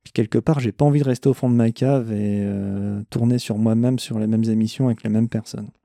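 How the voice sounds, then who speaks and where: Blunt, swearing French metal podcaster. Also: male voice, fairly low pitch, steady tone, brisk, vocal fry, mellow, no echo, clean studio sound. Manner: blunt, irreverent, swears freely. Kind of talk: casual monologue answering questions.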